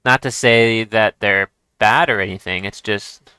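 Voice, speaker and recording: A man's voice: lowish voice, a little slow, pushed and bright, clean tone, no room sound. A man giving casual chess commentary as he plays, thinking aloud and restarting his sentences. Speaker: chess streamer.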